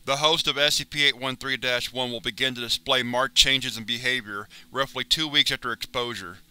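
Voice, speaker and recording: A man reading a wiki entry aloud as a narrator, in a steady, formal, clinical way. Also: medium pitch, brisk, smooth.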